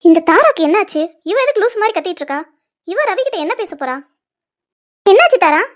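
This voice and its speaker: Exasperated young Shalini. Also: female voice, very high-pitched, very animated, fairly quick. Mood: scolding. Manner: scolding, insistent. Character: young woman, loyal and exasperated. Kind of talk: cartoon serial voice acting.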